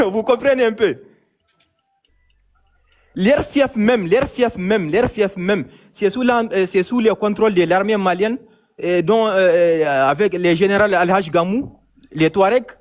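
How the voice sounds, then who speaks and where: Malian man calling in, high pitched voice, insistent, keeps repeating himself. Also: measured pace. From Mali. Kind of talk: casual chat, phone-in debate.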